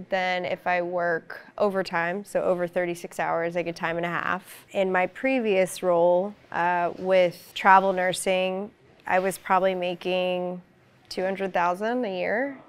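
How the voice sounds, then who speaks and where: A woman's voice: on the low side, clear, resonant tone. A woman in her thirties, a women's health nurse, talking in a matter-of-fact way in a panel chat. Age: 30s. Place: indoor cafe.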